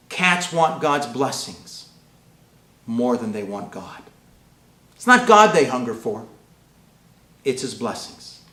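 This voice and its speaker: Middle-aged guy preaching a keynote, voice a bit high, goes loud then quiet, lots of room echo. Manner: dramatic swings between loud and hushed. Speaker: keynote speaker. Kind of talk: sermon-style keynote.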